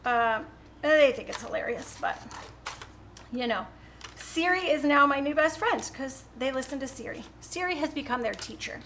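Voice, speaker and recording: A woman's voice: high-pitched, expressive, moderate pace, fairly bright tone, a little hiss or hum. A woman hosting a live painting stream from home, chatting casually and rambling, laughing often. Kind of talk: casual chat while painting.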